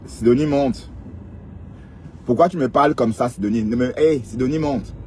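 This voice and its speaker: Here a man talks to his audience live about online drama in a relaxed way, his medium-pitched voice slightly mellow and moderately paced. He keeps tossing rhetorical "hein?" questions at viewers. Some faint background noise is audible.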